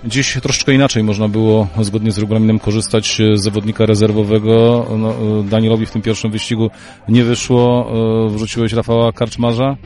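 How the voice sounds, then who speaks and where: A man's voice: fairly low pitch, little pitch movement, brisk, a little mellow, faint music behind. A male sports reporter interviewing riders and a coach and reading results, asking short leading questions.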